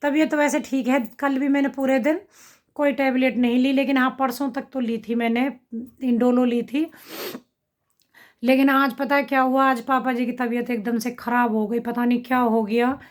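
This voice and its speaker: A woman's voice: high-pitched, level tone, normal speed. A middle-aged woman with a slight cough, chatting to her viewers in a rambling account of her family's day. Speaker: family vlogger. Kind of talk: casual vlog talk to camera.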